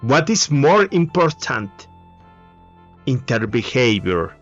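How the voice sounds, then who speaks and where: A man speaking English as a second language with a Spanish accent, giving a halting solo talk full of fillers and restarts. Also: medium pitch, big pitch swings. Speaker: video essayist. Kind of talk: casual monologue. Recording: dull lo-fi mic with faint music.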